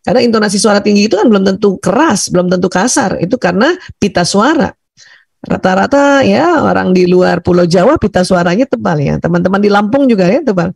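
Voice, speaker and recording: Gravelly-voiced Indonesian teaching speaker. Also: male voice, sits high, brisk, no room sound, studio quality. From Bugis Makassar, Indonesia. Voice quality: thick, loud voice. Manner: animated, laughs often, leads breathing exercises. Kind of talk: seminar talk to teachers and parents.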